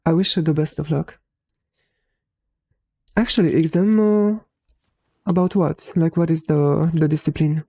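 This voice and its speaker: Young woman game streamer; slightly hoarse, gravelly, warm tone; laid-back chat with a few swear words. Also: low voice, steady tone, measured pace, pauses often, no room sound. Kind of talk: casual live-stream chat.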